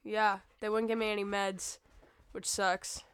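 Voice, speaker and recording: A hoarse woman co-hosting a podcast, chatting casually with a relaxed, wry manner. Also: mid-range voice, unhurried, dry recording. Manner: relaxed, wry back-and-forth. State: hoarse from a virus. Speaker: podcast co-host. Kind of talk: casual chat.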